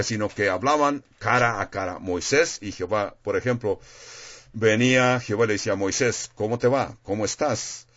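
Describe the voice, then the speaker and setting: A man's voice: on the low side, a bit bright, highs cut off. A man preaching a sermon in a plain, conversational way, reading scripture aloud and explaining it.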